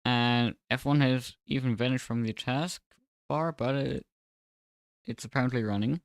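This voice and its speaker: A man speaking with braces that make his S sounds slightly off, chatting casually and commentating on a livestream in a low-key, dryly sarcastic way. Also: unhurried, gravelly, dry recording, studio quality. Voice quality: slightly slurred, odd S sounds from new braces. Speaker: livestreamer and sim racing commentator.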